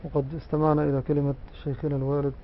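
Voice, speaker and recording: A man moderating a religious gathering, opening with a formal, steady address. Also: on the high side, racing, a little hiss or hum. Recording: muffled lo-fi recording.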